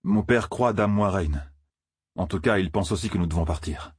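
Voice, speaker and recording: A man's voice: sits low, normal speed, husky, no room sound, studio quality. A man voicing a troubled, earnest young farm man in a storybook reading. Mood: uneasy.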